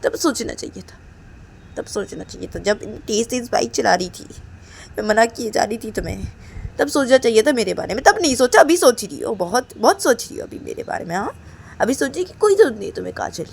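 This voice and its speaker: A woman's voice: on the high side, expressive, brisk, creaky, darkish tone, slight background noise. A woman voicing a stubborn, angry young woman who snaps back with scolding retorts. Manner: scolding, snapping retorts of "haan?".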